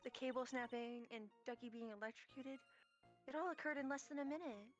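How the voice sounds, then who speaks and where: A woman voicing a timid young woman witness who speaks softly, politely and haltingly. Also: high voice, soft background music, close to an everyday voice. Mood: earnest.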